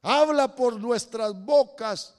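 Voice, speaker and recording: A man preaching a sermon as pastor, breaking into sudden loud exclamations and acting out quoted voices. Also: extremely high pitch, takes it slowly. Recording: long reverb of a hall.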